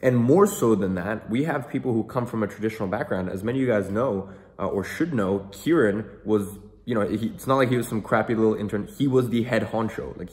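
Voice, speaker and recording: Rambling young man, low voice. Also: a little mellow. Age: young adult. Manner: rambling, lots of fillers and restarts. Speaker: host and coach of a marketing program. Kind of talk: casual talk, then interview.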